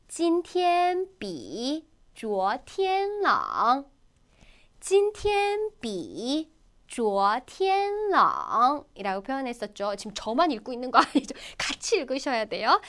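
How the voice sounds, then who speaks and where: High, lively Korean-speaking woman teaching Chinese. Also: clear, resonant tone. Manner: coaxing students to repeat aloud. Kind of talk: online language lesson.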